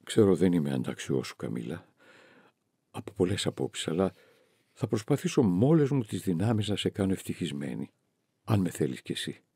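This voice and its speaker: Guy doing a humble young officer, low soft gentle voice, dark and husky. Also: very animated, no room sound, heavily acted. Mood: tender humble.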